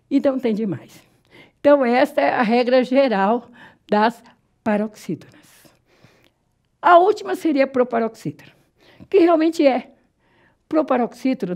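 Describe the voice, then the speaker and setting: A Brazilian woman teaching Portuguese grammar in a classroom lecture, explaining step by step, checking that the class follows, and slowly drawing out example words. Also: a little high, dark tone. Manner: drawn-out, slow spelling of example words.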